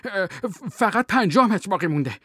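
A woman's voice: on the high side, dry recording, lightly acted. Lady reading a jumpy army captain guy, stumbly lookout commentary, dry mic. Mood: tense. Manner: tense, halting running commentary. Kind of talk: audiobook role reading.

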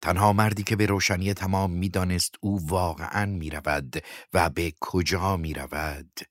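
A man narrating a novel as an audiobook, measured and often dropping to a hushed whisper. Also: deep voice, fairly even intonation, no echo, clean studio sound.

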